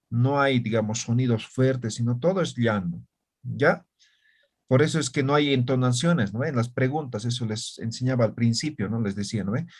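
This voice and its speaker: A man's voice: mid-range voice, husky. A man teaching an online language class, explaining patiently and often checking that students follow. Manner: slow, patient, checks understanding with "¿ya?" and "¿no ve?".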